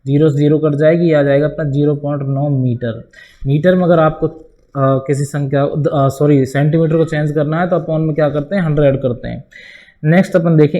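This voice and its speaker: A man's voice: a little high, dark tone, lo-fi sound. A man teaching a board-exam maths lesson, talking through each step and asking the class questions that he answers himself. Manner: often addresses students as "bhai".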